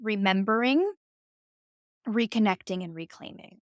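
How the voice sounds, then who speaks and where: An American woman appears as a guest on a podcast, reflecting aloud in a conversational interview and peppering her speech with "like" and "right?" Her medium-pitched voice is expressive and unhurried, captured in clean studio sound with no echo.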